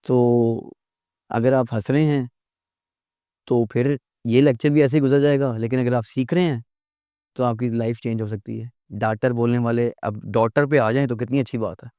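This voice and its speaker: A male English teacher drills vocabulary word by word, stretching and exaggerating each sound and repeating it several times. He breaks in with wry, mildly scolding remarks. His voice sits at an ordinary pitch, recorded close and dry with no room echo. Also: fairly even intonation, clean tone. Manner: drills words with slow, exaggerated mouthing and repetition; wry, gently scolding asides. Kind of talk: recorded pronunciation lecture.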